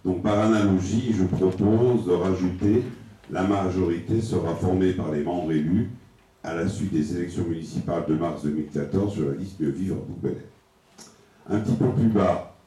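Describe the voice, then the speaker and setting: At a municipal council meeting, a man with a low, dark-toned voice reads out formal amendments and legal wording in a measured, formal way. He sounds far off in a large, echoing council chamber, with heavy cathedral-like reverb and faint noise in the recording.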